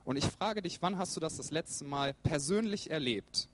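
A man's voice: a little high, lively intonation, moderate pace, slight background noise. A man preaching a sermon, who tells funny stories and speaks straight to his listeners with questions. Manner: humorous storyteller. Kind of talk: sermon with personal anecdote.

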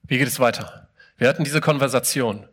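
A man's voice: medium pitch, fairly quick, fairly bright tone, husky. Emphatic, conversational male preacher. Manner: emphatic, conversational, many rhetorical questions; often starts phrases with a casual "hey". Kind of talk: sermon.

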